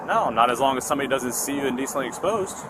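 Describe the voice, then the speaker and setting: Sheriff's deputy, calm, reassuring, very quick speech, parking lot, body camera noise. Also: mid-range voice. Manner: calm, even, repeatedly reassuring. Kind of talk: calm police questioning. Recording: noisy outdoor bodycam audio.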